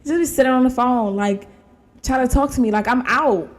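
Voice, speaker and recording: Sassy woman cohost, slightly high voice, little background hiss. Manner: sassy, quick comebacks. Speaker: podcast co-host. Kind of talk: casual podcast chat.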